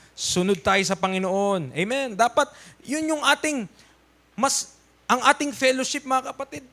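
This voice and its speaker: A man with a Filipino accent preaching a church sermon, emphatic, calling out amens and dropping to soft asides. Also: high-pitched. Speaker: pastor.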